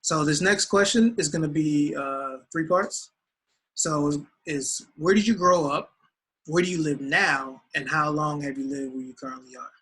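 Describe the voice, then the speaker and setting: A man's voice: fairly high pitch, moderate pace, fairly bright tone, husky. A man hosting an interview, opening with an upbeat greeting and asking loose, rambling questions. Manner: upbeat, loose, fillers and restarts. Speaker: interviewer and host.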